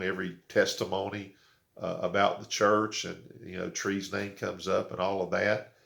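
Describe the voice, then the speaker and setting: Low gravelly-voiced man pastor. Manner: halting, repeats words with many fillers. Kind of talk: storytelling devotional.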